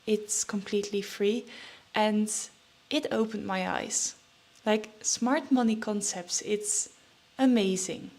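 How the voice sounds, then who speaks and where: Young female vlogger, unhurried delivery, mid-range pitch, chatty with fillers, slightly nervous and breathless. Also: darkish tone. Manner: chatty, with many fillers and restarts. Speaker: trading vlogger. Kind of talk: casual vlog chat.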